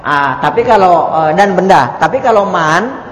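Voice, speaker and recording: A man teaches an Arabic lesson to a religious study group, patient and chatty, laughing often. His voice sits fairly high, and he acts out little question-and-answer exchanges. The recording carries the long ringing echo of a hall. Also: lively intonation, a little slow, fairly bright tone. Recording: echoey room recording.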